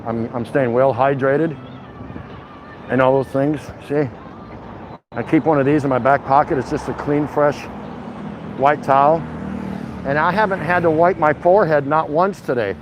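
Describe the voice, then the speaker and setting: A vlogger streams his walk around a city live, including a stop at a convenience store, talking to viewers in a rambling, casual, folksy and slangy way. His voice is fairly high with fairly even intonation and a moderate pace, broken by long pauses. Traffic, vehicles, street noise and ambient sound form the backdrop.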